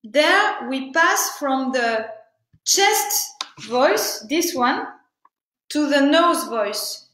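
A woman's voice: sits high, lively intonation, a bit bright, reverberant, low-quality recording. Woman teaching singing. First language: French. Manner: halting, searching for words, demonstrates with sung syllables. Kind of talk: online singing workshop.

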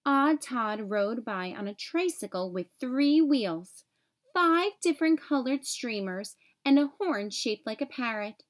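This expressive storyteller reads a picture book aloud for young children, keeping her phrasing clear. Her voice is a little high and she reads at a measured pace.

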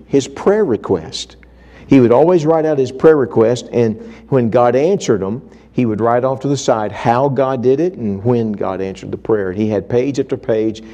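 Warm-voiced preacher telling a story. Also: male voice, mid-range voice, lo-fi sound. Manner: dramatic storyteller acting out quotes. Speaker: revival preacher. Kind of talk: sermon storytelling. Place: church.

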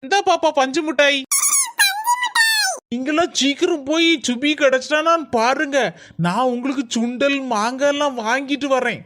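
A woman doing a calm cartoon village elder. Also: high-pitched, moderate pace, slight background noise. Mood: reassuring. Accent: Kanyakumari Tamil. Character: kind village father figure.

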